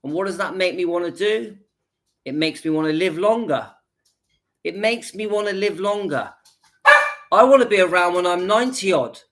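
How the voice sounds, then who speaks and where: A man in his late fifties talks straight to his viewers from home, pitched a little high for a man. He is earnest and rousing, and he repeats his lines to drive the point home. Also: moderate pace, fairly bright tone. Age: 50s. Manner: earnest, repetitive, rallying the viewers. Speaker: channel host. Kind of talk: casual direct-to-camera vlog.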